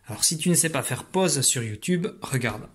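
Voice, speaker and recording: A primary school teacher sits at his home computer, teaching young children a reading lesson over video. His medium-pitched voice is animated and moves at normal speed as he explains patiently and encourages the kids.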